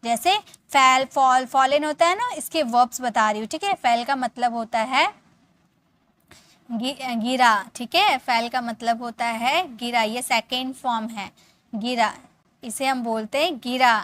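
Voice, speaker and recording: This English teacher has a high voice with a fairly bright tone. Word by word, she spells things out and repeats them slowly, pausing often to confirm her students understand.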